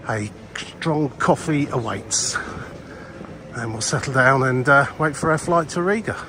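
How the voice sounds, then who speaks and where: A man's voice: mid-range voice, unhurried, noisy background. A man giving casual, rambling travel vlog commentary in a chatty, hesitant way. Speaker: travel vlogger.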